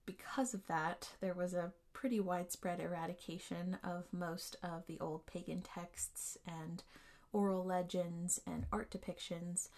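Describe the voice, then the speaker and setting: A woman hosting a storytelling podcast, narrating scripted material in a measured, explanatory way. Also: fairly low pitch, darkish tone.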